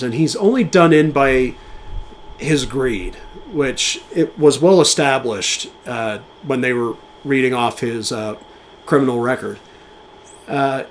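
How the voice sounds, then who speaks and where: Man, podcast co-host, casual and eager film talk, mid pitch, faint noise floor. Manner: enthusiastic, talks in quick bursts with fillers and restarts.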